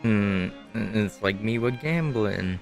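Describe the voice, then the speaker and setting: A man's voice: lowish voice, expressive, slow, creaky, faint music behind. A man streaming a game, reacting to the story with laid-back jokes. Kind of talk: casual gameplay commentary.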